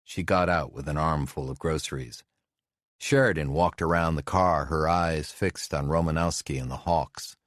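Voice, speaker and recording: A man narrating an audiobook in a calm, even manner. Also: very deep voice, normal speed, no echo, studio quality. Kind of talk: scripted narration.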